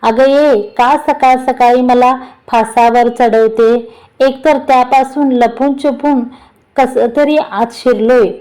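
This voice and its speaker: A woman's voice: sits high, fairly even intonation, slow pace, rough recording. Woman voicing a playful, sneaky young man. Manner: playful, sneaky, hushed pleading. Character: brash young man, teasing brother-in-law.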